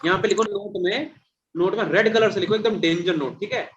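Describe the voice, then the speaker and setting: Man teacher, fairly high voice, dull lo-fi classroom recording, repeats and quizzes students. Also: a little fast, slight background noise. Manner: repeats and quizzes students, calls them "beta". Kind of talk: classroom chemistry lecture.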